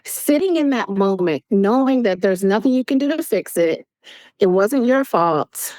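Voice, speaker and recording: Animated woman guest in dry close sound. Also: mid-range voice, normal speed, no echo, rough recording. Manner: animated storyteller, acts out quoted voices, laughs often. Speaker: guest, public speaker and coach. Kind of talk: podcast interview conversation.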